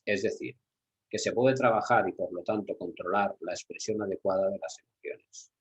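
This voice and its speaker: A middle-aged Spanish security trainer lectures a workshop of security staff in a Spanish accent, repeating key words and posing rhetorical questions. He speaks at a moderate pace in a low, slightly rough voice, and the sound quality is lo-fi.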